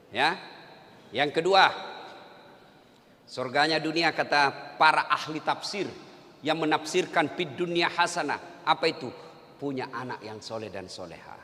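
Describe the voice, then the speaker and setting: A man's voice: mid-range voice, fairly bright tone, long reverb tail, slight background noise. A man giving a humorous sermon to a congregation, joking and asking the listeners questions. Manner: jokes and asks the audience questions. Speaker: preacher.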